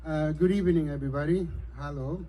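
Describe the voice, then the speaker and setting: A middle-aged man from Peru speaks as a city council candidate, earnest and a little halting. His voice is mellow and dark, pitched a touch high. He delivers a campaign speech in a community hall. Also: steady tone. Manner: earnest, hesitant, grows forceful.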